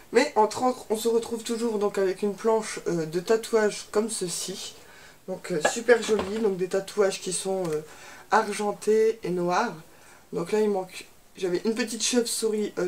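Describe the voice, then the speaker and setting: A woman's voice: mid-range voice, a little mellow, a little hiss or hum. A woman in her thirties from France, reviewing a beauty box at home in a hesitant, casual way with many fillers and restarts. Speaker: beauty vlogger. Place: room at home.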